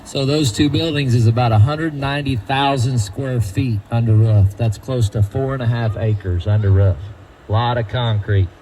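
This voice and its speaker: A man's voice: mid-range voice, normal speed, mellow, a little hiss or hum, rough recording. A man guiding a group through a feed mill, folksy and quizzing the crowd. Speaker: tour guide at a feed mill. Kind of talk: guided tour talk to a group.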